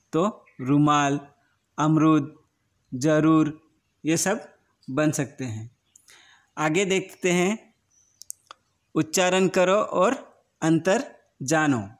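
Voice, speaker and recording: Guy teaching little kids grammar, slow and patient, kinda high voice, keeps checking they get it. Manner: slow and patient, often repeating words and asking if it is understood. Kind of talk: online grammar lesson for young children.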